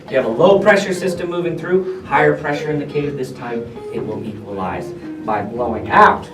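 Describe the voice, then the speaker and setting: A man's voice: medium pitch, normal speed. An American man working as a cave tour guide, telling stories and explaining in a folksy way, putting questions to his group. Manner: echoing cave guide delivery. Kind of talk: guided tour talk with storytelling. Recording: echoey, distant, with guitar music underneath.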